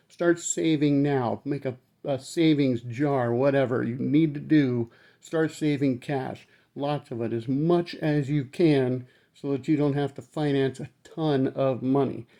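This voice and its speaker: A man's voice: mid-range voice, fairly even intonation, measured pace, warm tone. A man talking casually to camera in a blunt, rambling way, swearing freely, his speech numb-mouthed after dental surgery.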